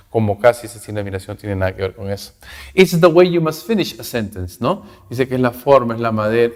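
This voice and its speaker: Man teaching in a reverberant room. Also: fairly low pitch. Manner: explains in Spanish, reads English aloud, keeps asking "¿no?". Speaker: English teacher. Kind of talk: recorded class lesson.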